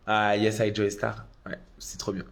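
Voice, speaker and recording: A man doing a drag live stream on his phone, reading out viewer comments and answering them in a chatty, excitable way, with sudden loud outbursts. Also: on the low side, measured pace, gravelly.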